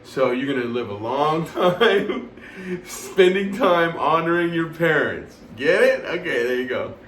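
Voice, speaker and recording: A man's voice: fairly high pitch, expressive, a bit bright, distant mic. Male comic host, loose rambling joke delivery full of ums, slight room echo, faint noise behind. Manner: rambling, halting delivery with many fillers and laughs at own jokes. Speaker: comedy host telling jokes. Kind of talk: casual joke telling. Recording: roomy sound from away from the mic, faint background noise.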